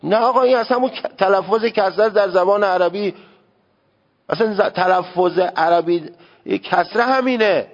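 A man teaching a seminary class on religious law, speaking emphatically and sounding out Arabic words to show how they should be said. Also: high-pitched. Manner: emphatic, demonstrates Arabic pronunciation aloud. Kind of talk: religious law lecture to students. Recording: dull lo-fi recording with long hall reverb.

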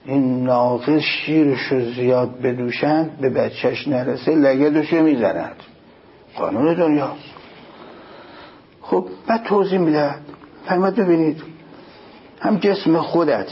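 A man preaching a religious sermon, reciting Arabic passages and explaining them in Persian, rising emphatically on key points. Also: mid-range voice. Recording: dull lo-fi recording, faint noise.

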